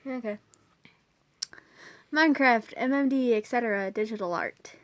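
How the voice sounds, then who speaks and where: A woman's voice: on the high side, normal speed, no echo. Distracted young woman co-host. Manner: distracted, breaks off mid-list. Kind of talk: casual chat reading a list.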